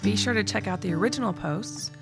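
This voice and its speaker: A woman performs her blog post aloud with mock melodrama and plenty of self-mocking sarcasm. Her voice carries a gravelly fry at the bottom. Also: medium pitch, brisk, loud music behind the voice. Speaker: blogger reading her own post. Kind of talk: dramatic audio-blog reading.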